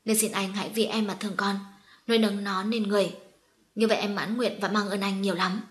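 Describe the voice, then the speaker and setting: Woman reading as a sick young woman, weak and pleading, middle pitch. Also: fairly even intonation, brisk, close to an everyday voice. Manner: urgent, faltering pleading.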